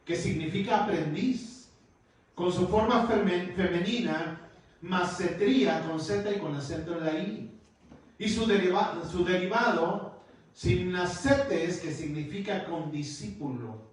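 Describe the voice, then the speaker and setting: A man's voice: sits high, a little slow. A man preaching a sermon as pastor, teaching and calling his listeners brother. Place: church hall. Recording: echoey hall, far from the mic.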